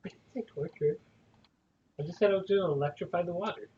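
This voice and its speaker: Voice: mid-range voice, fast talker, recorded from a distance. A game master running a tabletop game over voice chat, asking questions in a laid-back way. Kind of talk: casual online game chat. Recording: echoey lo-fi mic with loud noise.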